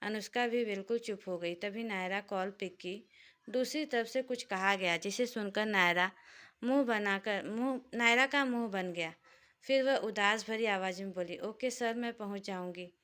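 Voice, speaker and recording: A woman reading a romantic story aloud in a steady, expressive narration. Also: mid-range voice, normal speed, clean tone.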